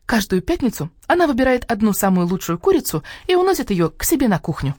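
A woman voicing a proud, naive hen who talks in a shrill, clucking way. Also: sing-song, fast talker, a little mellow, no echo, studio quality.

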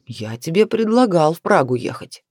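A woman's voice: on the low side, sing-song, normal speed, darkish tone, no room sound, clean studio sound. A woman reading the part of a jovial middle-aged husband who mocks and then turns defensive. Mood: defensive, mocking. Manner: mocking, wry storytelling.

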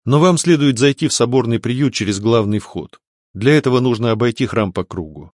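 A man's voice: medium pitch, animated, fairly quick, no room sound, studio quality, natural voice. Man voicing an anxious devout priest. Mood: worried. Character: anxious devout male priest, soft-spoken. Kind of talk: audiobook reading.

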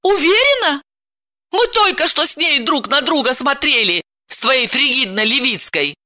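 A woman doing a shrill, frantic wife. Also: lively intonation, moderate pace, bright, forceful tone, dry recording, clean studio sound. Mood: furious, shrill. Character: flustered, furious young wife.

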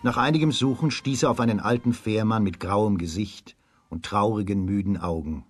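With soft music behind him, a man with a lowish voice narrates a scripted fairy tale for a children's radio play, telling it in a measured storytelling manner.

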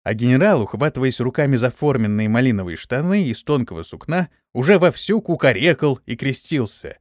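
A man narrating an audiobook with expressive storytelling. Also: medium pitch, brisk, no echo, studio quality. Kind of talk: audiobook reading.

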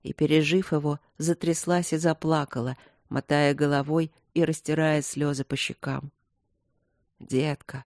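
A woman narrates a story at a measured pace, her lowish voice soft and mellow. The sound is dry and close, as from a studio mic with no room around it. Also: fairly even intonation, dry recording. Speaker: audiobook narrator. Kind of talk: scripted audiobook narration.

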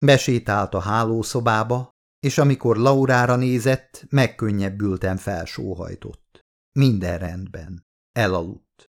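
A man narrates a novel in a measured, storytelling read. His voice sits low with a gravelly fry. It is a steady audiobook reading.

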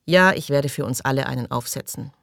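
A man's voice: mid-range voice, a little fast, gravelly, fairly bright tone, no echo, studio quality. A man voicing a puzzled, wistful male ship's cook who talks in a reflective way. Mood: musing.

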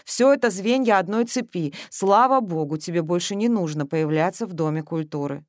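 Fatherly man, calm, firm, steady voice, dry close sound, as a woman reader plays him. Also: lowish voice, normal speed, no room sound, close to an everyday voice. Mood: reassuring.

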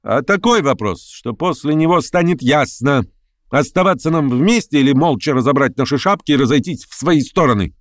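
A man's voice: fairly high pitch, animated, moderate pace, no room sound, studio quality, pitched above the performer's own voice, close to an everyday voice. A man doing Verkhovensky, a needling schemer. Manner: insistent, needling, raised voice. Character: pushy scheming young male conspirator.

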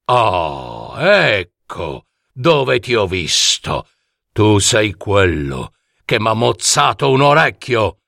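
A man voicing a large male lake monster in a storybook tale, speaking in a slow, booming, heavy way. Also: big pitch swings, vocal fry, sharp tone, dry recording, studio quality, full character voice. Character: big lake monster, male, gruff warrior turned peaceful.

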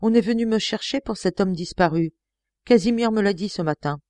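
A woman's voice: mid-range voice, a little fast, darkish tone, no room sound, voice pushed up, natural voice. A woman reading an audiobook, voicing a genial, blustery male police commissioner with hearty exclamations.

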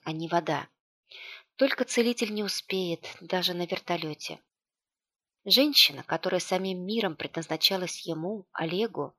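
A woman reading an audiobook aloud, with a hushed, tense delivery and light character voicing. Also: fairly low pitch. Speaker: audiobook narrator.

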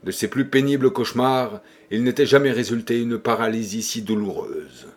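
A man narrating a classic novel for an audiobook in a measured, literary reading. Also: mid-range voice.

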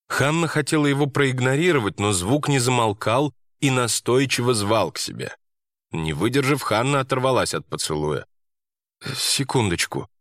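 A male narrator reads a story aloud, steady and measured. His voice sits on the low side, and the recording is dry and close. Nothing else can be heard around him. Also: dry recording. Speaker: audiobook narrator. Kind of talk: scripted narration.

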